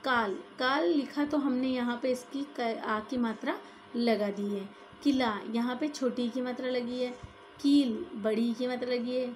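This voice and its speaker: A woman's voice: a little high, fairly even intonation, measured pace, a little hiss or hum. A woman teaching a grammar lesson, explaining step by step and often checking in with her listeners.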